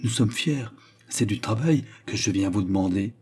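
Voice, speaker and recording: A man softly putting on a poor, humble young woman who speaks with modest restraint. The voice is low and dark, with a husky grain, in a storybook reading. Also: moderate pace.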